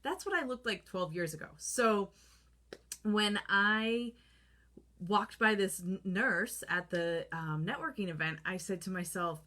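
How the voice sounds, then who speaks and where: A holistic skincare vlogger in her thirties chats casually to the camera, holding products close to the lens. Her medium-pitched voice is a little slow, pushed and bright, full of fillers as she acts out her own reactions.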